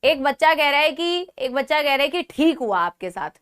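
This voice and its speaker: Teaching biology live online with a sore throat, this woman has a high-pitched, slightly bright voice with lively intonation and a normal pace. Her Hindi is laced with English phrases, she addresses students as "beta," and nearly every point ends with "theek hai?"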